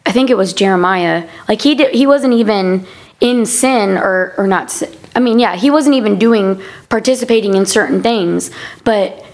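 A woman in a casual faith-centred conversation in a church prayer room, speaking in halting, circling sentences. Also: mid-range voice. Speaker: podcast conversation partner.

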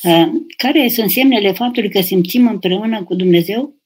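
A woman's voice: mid-range voice, darkish tone, husky. An older woman, an abbess, reading out viewers' questions and answering them in an urging, emphatic way on a live stream. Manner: reads questions aloud then answers, urging and emphatic, bursts of raised voice.

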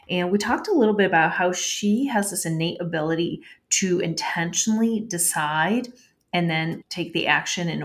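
A woman with a notably low voice reads a prepared podcast introduction. Her delivery is measured and even. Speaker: podcast host. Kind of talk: scripted narration.

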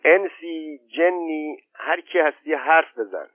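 A man's voice: medium pitch, dry recording, voice pushed up, lightly acted. A man reading aloud voices a superstitious old village woman who calls out insistently. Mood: calling out. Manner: raised, pleading, with calls into the dark. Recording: thin phone-like sound.

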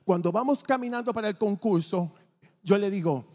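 A man giving a testimony from the pulpit, telling his story in an animated way and acting out the dialogue. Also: high voice, normal speed. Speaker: church testimony speaker. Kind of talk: testimony preaching. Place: church sanctuary. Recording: long church reverb.

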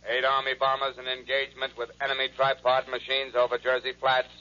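A clipped military radio operator, played by a man in a 1930s radio drama. He reads call signs and reports in a flat, even monotone. The sound is dull and lo-fi. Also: mid-range voice, brisk, lightly acted. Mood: terse. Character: male military radio operator calling stations.

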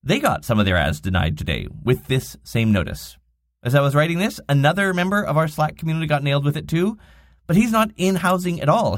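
A man's voice: on the high side, no echo. Dry-voiced man reading marketing news. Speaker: podcast host. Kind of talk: daily digital marketing news podcast.

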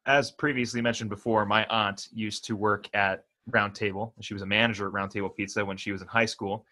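A man's voice: fairly low pitch, fairly even intonation, fairly quick, bright, forceful tone. A man in a casual podcast chat, hesitant and stumbling over his words.

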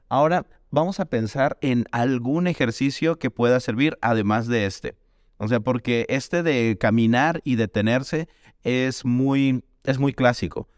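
A man's voice: medium pitch, dry recording, studio quality. A man teaching a Dalcroze music lesson, explaining exercises and chanting rhythm syllables to demonstrate.

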